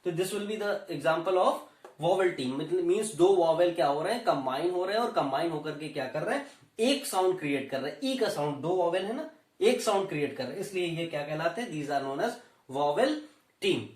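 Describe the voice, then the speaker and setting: A man with an Indian accent giving a lecture, explaining slowly and repeating key terms as he moves between Hindi and English. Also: fairly high pitch, expressive. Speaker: teacher. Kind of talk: classroom lecture. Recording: roomy echo, voice from a distance.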